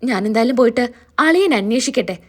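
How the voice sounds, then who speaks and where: A woman retelling a story, voicing a calm man reassuring his sister-in-law. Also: a little high, fast. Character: calm dependable brother-in-law.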